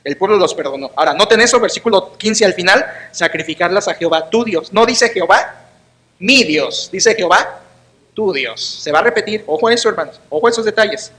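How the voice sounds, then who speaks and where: A man's voice: high voice, animated, fairly quick, a bit bright. A man preaching a sermon as pastor, emphatic and sarcastic, acting out the quotes, with a Mexican Spanish accent. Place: church.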